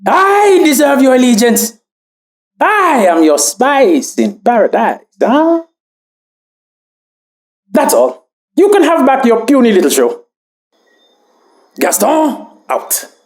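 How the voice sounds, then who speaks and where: A woman playing a vain, boastful talking mustache that belongs to a politician, ranting in grandiose bursts with sudden shouts in a comedy sketch. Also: high voice, very animated, slow pace, long pauses, exaggerated voice. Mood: wounded, threatening.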